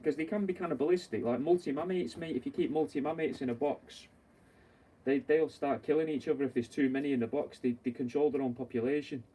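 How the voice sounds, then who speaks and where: A man's voice: a little high, fast, mellow, breathy edge. A young man, a taxidermist chatting bluntly and rambling while he works, swearing often. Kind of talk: casual chat while working. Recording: distant mic with faint background noise.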